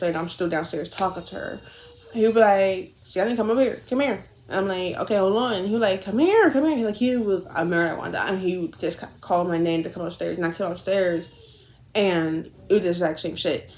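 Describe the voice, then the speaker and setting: A woman's voice: on the low side, a little mellow, slight background noise. Rambling young woman telling a storytime. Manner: rambling, frequent fillers and quoted dialogue; blunt, swears casually. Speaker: vlogger. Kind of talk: casual storytime while doing makeup.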